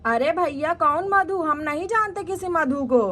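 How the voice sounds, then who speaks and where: A woman's voice: extremely high pitch, measured pace, pushed and bright, exaggerated voice. A woman voicing a rustic village woman denying a theft in a doll story. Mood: defensive. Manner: defensive, indignant protesting.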